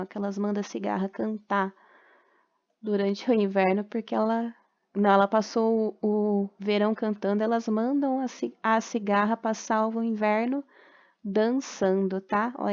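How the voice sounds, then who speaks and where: A Brazilian woman, a primary school teacher, patiently walks parents through homework answers, checking in often and spelling out words slowly syllable by syllable. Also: mid-range voice, gravelly, darkish tone, lo-fi sound. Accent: Brazilian Portuguese. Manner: patient, explanatory, frequent check-ins, slow syllable-by-syllable dictation. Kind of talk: recorded lesson correction for parents. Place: at home during quarantine.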